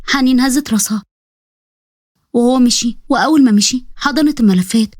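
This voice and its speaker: A woman storyteller with an Egyptian accent, narrating a drama story in a fast, conversational way. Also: fairly high pitch, a little mellow, no echo, clean studio sound. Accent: Egyptian Arabic.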